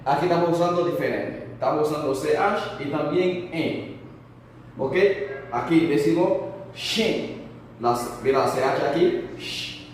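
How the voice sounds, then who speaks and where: A man's voice: a little high, normal speed, very echoey, big-room sound, distant mic, slight background noise, poor audio. A man teaching a language lesson, patiently saying words and asking the learner to repeat after him.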